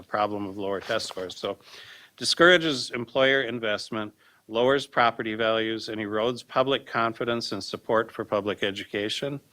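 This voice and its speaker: A man reading a draft aloud at a board meeting, with halting informal comments and repeated words. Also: fairly low pitch, bright, forceful tone. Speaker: school board member presenting a draft.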